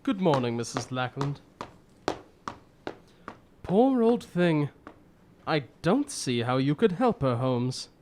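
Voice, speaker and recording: Man acting polite gentleman doctor, radio drama, earnest, widely varied intonation, slight background noise. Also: on the high side, sing-song, slow, pauses often. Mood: sympathetic. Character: kindly gentleman doctor, detective's earnest companion.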